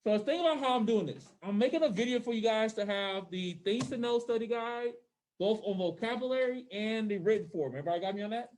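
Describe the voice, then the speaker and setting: A man's voice: high-pitched, fast, darkish tone. A man teaches a class through a face mask, slightly muffled, speaking informally and often checking that everyone follows. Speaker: high school social studies teacher. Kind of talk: classroom teaching to in-person and online students.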